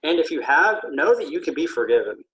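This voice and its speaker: A man who is feeling ill, a military veteran speaking earnestly and haltingly with many pauses in a casual podcast conversation. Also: a little high, big pitch swings, fairly bright tone, low-quality recording.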